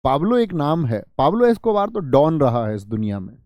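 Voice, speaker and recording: A man's voice: a little high, sing-song, a little fast, darkish tone, no echo. A man teaching a live online exam-prep class, drilling students with repeated questions and joking as he reads their comments.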